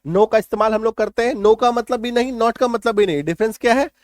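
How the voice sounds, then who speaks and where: Man teaching English words, higher voice. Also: quick pace, dry recording, clean studio sound. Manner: patient explaining, repeats checks like "clear?". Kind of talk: Hindi-language English vocabulary lesson.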